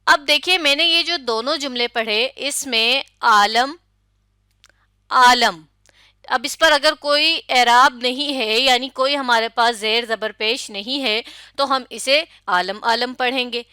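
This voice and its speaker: A woman's voice: sits high, hardly any pauses, bright, forceful tone, clear, resonant tone, no echo, clean studio sound. A woman with a Pakistani Urdu accent giving a classroom lecture, asking questions, confirming answers and spelling words letter by letter. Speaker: teacher.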